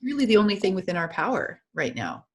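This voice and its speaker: A middle-aged woman co-hosting a casual video-call chat, agreeable and quick to laugh. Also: medium pitch, sing-song. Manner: chatty, agreeable, laughs often. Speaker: co-host of essential oils show.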